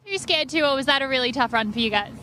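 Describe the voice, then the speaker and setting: A woman reports live from beside a race track, interviewing competitors. Her voice is high, with clear vehicle noise around her outdoors. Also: quick pace, sharp tone. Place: outdoors at a race start-finish line.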